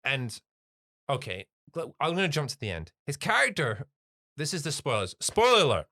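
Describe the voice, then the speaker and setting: A man co-hosting a podcast, chatting casually about a film in an animated, rambling way. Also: mid-range voice, normal speed, no echo, studio quality. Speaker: podcast co-host. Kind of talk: casual film review chat.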